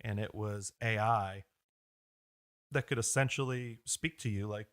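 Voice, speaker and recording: A man with a low voice co-hosts a casual podcast, asking leading questions and dropping jokes along the way. The recording is dry and close-miked. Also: unhurried, a bit bright, no room sound. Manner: joking, asks leading questions. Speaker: podcast co-host. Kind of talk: casual conversational discussion.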